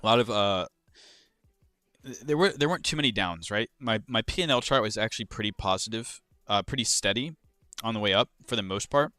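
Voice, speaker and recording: A young man streaming live with a lowish, forceful voice that sounds smooth and crisp. He talks in a loose, casual way, swearing often and answering viewers' chat questions. The sound is dry, with no room echo. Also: lively intonation, brisk. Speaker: livestreamer and crypto trader.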